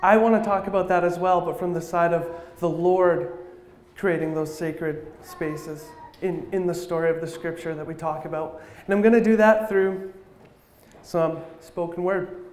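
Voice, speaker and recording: Guy doing a slam poetry sermon, high voice, rhymey rhythmic delivery, echoey church hall. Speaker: church speaker. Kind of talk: spoken word poetry sermon.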